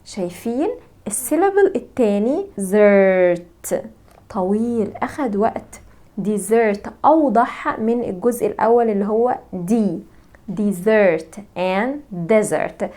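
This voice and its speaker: A woman with an Egyptian accent teaching English vocabulary, repeating each English word slowly and carefully before explaining it. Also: fairly high pitch, a little mellow. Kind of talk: language lesson.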